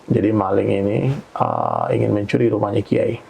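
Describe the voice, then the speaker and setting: Gravelly-voiced man preaching. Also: on the low side, normal speed, a little hiss or hum. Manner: animated storyteller, preaching. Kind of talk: storytelling and religious talk. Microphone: podcast microphone.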